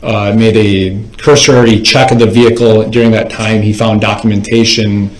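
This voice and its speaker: A man testifying in court as a police officer, giving formal, measured, report-style answers. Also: on the low side, flat delivery. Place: indoors in a courtroom. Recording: echoey courtroom microphone.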